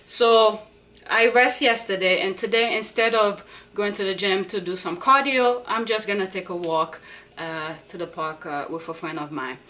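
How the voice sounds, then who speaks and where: A woman's voice: fairly low pitch, bright, forceful tone, a little hiss or hum. A woman in her thirties chatting casually in a diary vlog about her day with her kids, rambling and correcting herself as she goes. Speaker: vlogger and mother.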